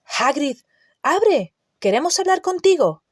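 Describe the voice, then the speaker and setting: Storybook teenage wizard boy, soft-spoken but determined, as a woman narrator puts him on; dry, close voice. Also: medium pitch, expressive, normal speed, no room sound, lightly acted. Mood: demanding. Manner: soft and quiet, then firm. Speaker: audiobook character.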